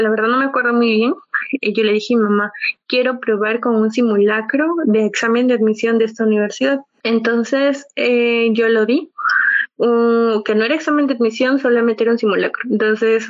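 Young woman telling a lively story. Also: fairly high pitch, no echo. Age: young adult. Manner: animated storytelling, reliving moments with shouts and laughter. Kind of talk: casual chat. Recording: dull lo-fi sound, dry.

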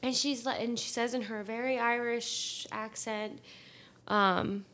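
A woman's voice: fairly high pitch, fairly even intonation, a little slow, a bit bright. A young woman co-hosting a podcast in casual chat, a rambling storyteller who laughs easily. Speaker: podcast co-host.

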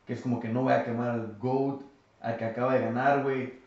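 A man's voice: medium pitch, little pitch movement, brisk, darkish tone, distant mic. A young man with a Mexican accent, speaking bluntly with lots of slang in a casual podcast debate. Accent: Mexican Spanish. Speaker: podcast co-host. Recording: very echoey room, dull sound.

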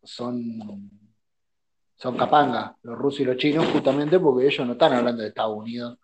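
A man's voice: medium pitch, moderate pace, noisy background. A man with an Argentine Spanish accent, bantering and joking in a casual chat. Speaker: podcast co-host. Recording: dull lo-fi audio.

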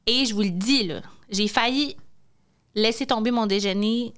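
A woman's voice: a little high, normal speed, fairly bright tone, smooth. A woman with a Quebec French accent, a teacher chatting casually and informally. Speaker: school teacher, guest in conversation. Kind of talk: casual chat.

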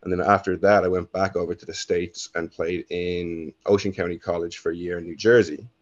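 A man's voice: deep voice, flat delivery, fairly quick, no echo. A young Irish man telling his story as a podcast guest, in a laid-back, rambling way that keeps correcting itself. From Ireland. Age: young adult. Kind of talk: casual interview storytelling. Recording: dull lo-fi dry sound.

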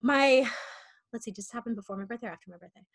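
A woman's voice: fairly high pitch, rapid-fire, slightly rough. A woman in her twenties chatting candidly and rambling, with lots of fillers and restarts. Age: 20s. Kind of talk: casual chat.

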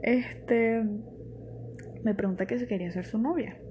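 A young woman from Venezuela with a Venezuelan accent, telling a personal story in a chatty, animated, slangy way. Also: on the high side, unhurried, background noise. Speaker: vlogger. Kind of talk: casual storytelling.

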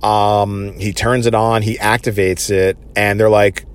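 A man's voice: on the low side, little pitch movement, measured pace, clear, resonant tone. A man casually recapping a TV episode, rambling along with many fillers like "you know" and "uh". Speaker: TV episode reviewer.

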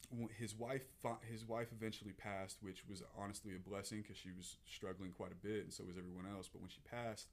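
A man's voice: lowish voice, little pitch movement, brisk, few pauses. A man, telling a personal story as a podcast guest, earnest and emotional, often restarting his sentences.

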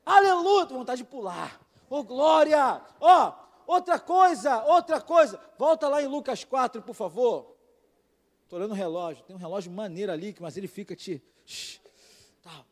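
High-voiced pastor preaching fiery. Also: male voice, expressive, moderate pace. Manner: fiery, shouting crescendos, storytelling asides. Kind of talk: sermon. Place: church sanctuary. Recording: long hall reverb.

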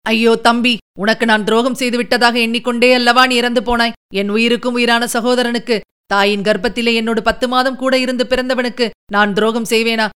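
A woman's voice: on the high side, level tone, fairly quick, fairly bright tone, smooth, natural voice. A woman voicing a scheming old Buddhist monk. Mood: grieving. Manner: questioning, then wailing in grief. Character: scheming, grief-stricken older male Buddhist monk.

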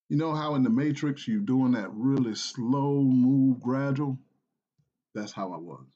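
A man from South Carolina telling a personal story in an earnest, halting way, with restarts and repeated phrases. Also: medium pitch, darkish tone, slightly rough, muffled recording. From South Carolina, United States.

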